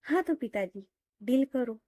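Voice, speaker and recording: Brief: a woman voicing a cheeky young woman, bratty and wheedling, pitched up and lively. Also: measured pace, no room sound.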